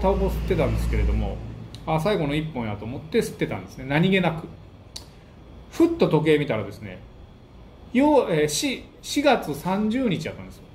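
A man's voice: a little high, darkish tone. Kansai guy, comedian doing a casual storytelling monologue, acts out the quotes, echoey room. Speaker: comedian and book-review host. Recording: echoey room with faint hiss.

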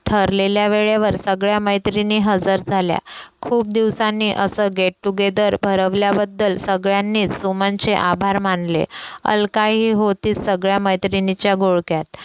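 Woman storyteller, level flat reading, very clean dry sound. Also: medium pitch, smooth, dry recording, low-quality recording. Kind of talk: scripted story narration with voiced dialogue.

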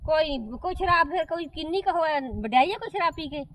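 Casting: woman as a calm elder aunt; a high voice, quick, placating but sharp. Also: slight background noise. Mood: chiding. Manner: soothing, then chiding. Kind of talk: amateur comedy short film acting.

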